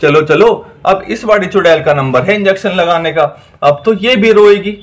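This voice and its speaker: A man's voice: sits high, normal speed. A man narrating a toy-doll story in an eager, exclaiming, repetitive way.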